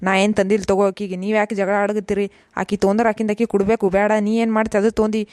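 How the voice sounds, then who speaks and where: A woman's voice: mid-range voice, little pitch movement, a little mellow, no room sound, clean studio sound, close to an everyday voice. A woman voicing an exasperated grown son and husband in a cartoon, scolding in a North Karnataka accent. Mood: fed up. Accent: North Karnataka Kannada. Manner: scolding, fed-up, rapid complaining. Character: exasperated adult son and husband caught in family fights. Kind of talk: cartoon voice acting.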